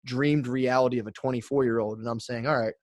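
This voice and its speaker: Fast-talking man in his thirties. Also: mid-range voice, fairly even intonation, no room sound, studio quality. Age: 30s. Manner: rambling, frequent fillers. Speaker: podcast guest. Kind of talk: casual podcast chat.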